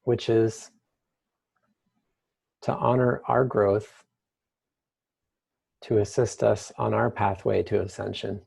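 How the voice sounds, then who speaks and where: A man leading a guided meditation with the slow, hushed delivery of a mystical healer. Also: fairly low pitch, steady tone, creaky, slightly rough.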